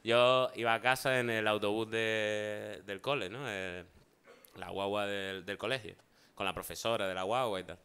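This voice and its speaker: Bright, clear-voiced man telling stories. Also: on the low side, normal speed. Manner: animated storyteller, acts out voices in anecdotes. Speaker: talk show guest. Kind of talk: casual storytelling chat.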